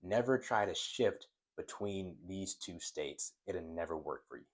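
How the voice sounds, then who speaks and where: Man, low voice, casual whiteboard lesson, stutters when excited, chatty with viewers. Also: unhurried. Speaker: trading coach.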